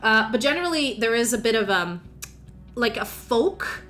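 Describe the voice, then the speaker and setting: A woman's voice: a little high, expressive, normal speed, a bit bright, soft background music. A woman narrating as game master, rambling through lore with lots of fillers.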